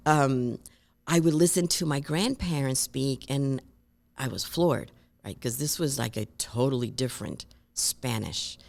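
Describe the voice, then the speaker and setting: A woman from Rico, a guest telling lively stories in an interview and acting out other people's voices. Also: rumbling low, measured pace, vocal fry. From Puerto Rico. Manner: animated, acts out voices and accents in stories. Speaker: guest speaker. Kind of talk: conversational interview storytelling.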